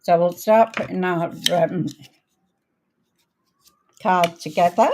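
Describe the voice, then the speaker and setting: A woman hosting a live card-making demonstration, chatting as she works, her voice a little crackly. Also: on the low side. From outside America. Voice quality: slightly crackly voice. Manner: chatty, unhurried, talks while working. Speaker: crafting host.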